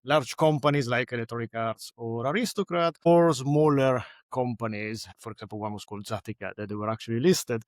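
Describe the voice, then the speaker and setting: A man with a clear Italian accent speaks at a mid pitch, friendly and hesitant, often restarting his phrases. The podcast interview sound is dry and close to the mic. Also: dry recording. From Italy. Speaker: guest, games company CFO.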